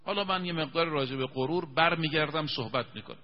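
Emphatic male preacher, slightly raised pitch, long reverb on the sound. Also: lo-fi sound. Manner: emphatic storytelling, slows to recite scripture. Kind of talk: televised religious sermon.

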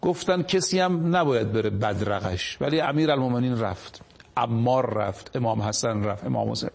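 Male religious speaker on a TV show, mid-pitch, slow scripture readings, rhetorical questions to viewers. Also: creaky. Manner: reads Arabic scripture slowly, then paraphrases it. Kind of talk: televised religious talk.

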